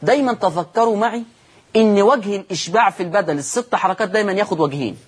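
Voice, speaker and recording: A man with an Egyptian Arabic accent teaching Quran recitation on a broadcast lesson, explaining rules, reciting words slowly and quizzing his listeners. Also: sits high, slightly rough.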